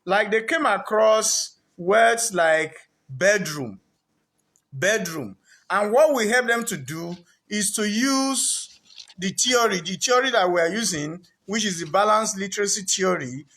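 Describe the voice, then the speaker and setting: A man running a reading programme, explaining literacy to parents in an earnest way, breaking words into parts and repeating them deliberately. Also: high voice, lively intonation, a bit bright. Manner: earnest, with frequent restarts.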